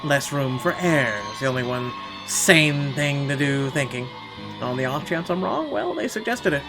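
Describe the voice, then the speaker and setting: Playing through a visual novel, a man gives its narration a dramatic, expressive reading and drops casual, sweary asides. He has a medium pitch, lively intonation and a moderate pace. The recording is low quality, with game music in the background.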